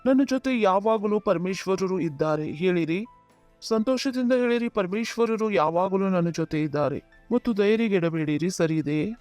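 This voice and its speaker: A man's voice: high-pitched, moderate pace, a little mellow, faint music behind. A male pastor preaching a sermon, often calling out "Praise the Lord" and asking the congregation to repeat after him.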